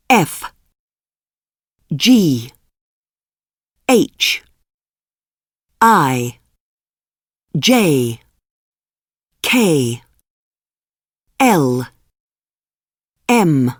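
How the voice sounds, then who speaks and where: Brief: low, husky woman teacher, very slow and lively-pitched, dry close sound. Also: no room sound. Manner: very slow, deliberate reading of letters and numbers. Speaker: English teacher. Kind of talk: reading textbook audio scripts.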